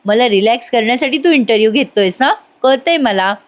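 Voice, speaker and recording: A woman voicing a gentle, sensible young wife who speaks politely. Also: a little high, animated, a little fast, natural voice.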